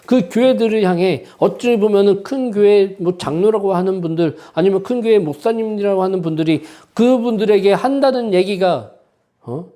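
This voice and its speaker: A man's voice: sits high, moderate pace, warm tone. A man preaching a Sunday sermon as pastor. He talks with fervor and keeps asking the congregation rhetorical questions. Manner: impassioned, many rhetorical questions and prompting "eh?" tags. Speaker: senior pastor. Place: church sanctuary.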